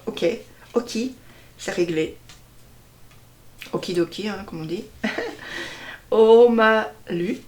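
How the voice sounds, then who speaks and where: A woman slowly presenting a deck of cards one by one, hesitating often and stressing each card name. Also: medium pitch, lively intonation. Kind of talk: casual card unboxing walkthrough.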